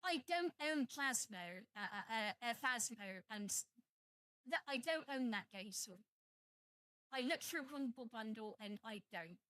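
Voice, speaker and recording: Speaking in an unhurried, expressive way, a young British woman with a somewhat high, slightly bright voice banters with viewers on a live stream and swears without restraint. She has a British accent and is half Welsh, half English. There's no room sound.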